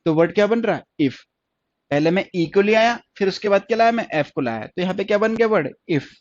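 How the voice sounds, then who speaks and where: A man's voice: high voice, lively intonation, fast talker, no room sound, highs cut off. A man teaching a stenography class online, repeating each point and asking questions he then answers himself. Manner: repetitive, asks questions and answers them himself.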